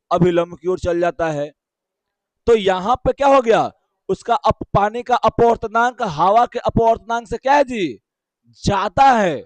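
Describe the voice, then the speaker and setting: A man with a Bihari Hindi accent teaching a physics class, explaining slowly, repeating key terms and checking again and again whether students follow. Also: high-pitched, dry recording. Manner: keeps asking students short check questions.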